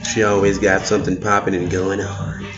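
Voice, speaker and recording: A man's voice: sits low, little pitch movement, moderate pace, fairly bright tone. A man talking casually to the camera as a guest. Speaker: guest, host's brother. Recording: dull lo-fi sound, music.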